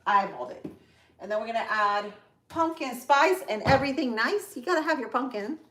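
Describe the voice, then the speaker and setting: A woman's voice: on the high side, animated, fairly quick, fairly bright tone. A woman with a Spanish accent, from Central Florida, hosting a casual live cooking stream in a home kitchen. She is chatty and upbeat, greets viewers by name and talks through each step. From Central Florida, United States. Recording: echoey room with faint background noise.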